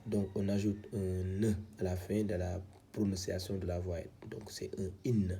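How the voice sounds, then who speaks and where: A man with a deep, mellow voice teaches a reading lesson at an unhurried pace. He patiently sounds out each syllable and repeats it, linking his steps with calm explanations. A faint background noise sits under the recording. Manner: patient, repeats syllables one by one, frequent "donc".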